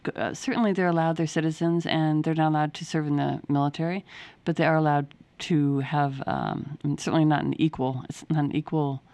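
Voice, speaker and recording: A woman's voice: low voice, fairly even intonation, a little fast, mellow, dry recording. A middle-aged woman, an author, explaining things in a radio interview in an earnest way, often restarting her sentences. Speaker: author and guest.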